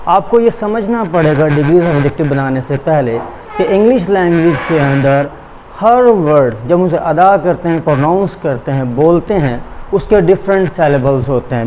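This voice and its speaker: A man with a Pakistani accent teaching English in a recorded online lecture, shifting between slow, deliberate English and quicker Urdu explanations. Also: a little high, a little mellow, slight background noise, poor audio. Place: school classroom or studio.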